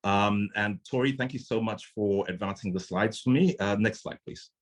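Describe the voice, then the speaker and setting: A man's voice: lowish voice, normal speed. A man from Zimbabwe, a startup founder and CEO, giving an earnest, conversational conference presentation over a video call.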